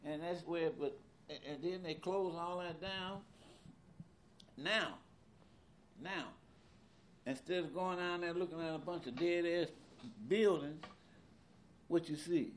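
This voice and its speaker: Older man, animated and talkative. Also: a little high, slow, pauses often, slight background noise. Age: 70s. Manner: animated, repeats words, loose colloquial grammar. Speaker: interviewee. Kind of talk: casual conversation.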